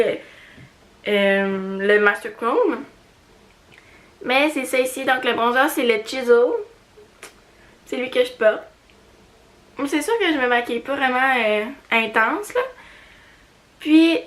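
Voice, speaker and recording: A woman's voice: sits high, a bit bright. A young woman with a Quebec French accent chatting casually in a beauty haul video, hesitant with many fillers and little giggles. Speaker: beauty vlogger.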